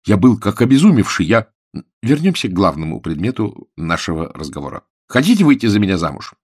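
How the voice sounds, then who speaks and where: Male reader playing an impulsive young suitor, eager and insistent, husky and very animated. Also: lowish voice, a little fast, dry recording, clean studio sound. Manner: eager, insistent, repeats himself. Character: ardent, impulsive young man in love.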